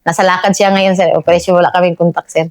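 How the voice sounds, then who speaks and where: A woman's voice: fairly low pitch, flat delivery, fast talker, darkish tone. Soldierly woman saying sir constantly. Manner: respectful, says "sir" after nearly every phrase. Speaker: army corporal telling her combat story. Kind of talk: interview storytelling.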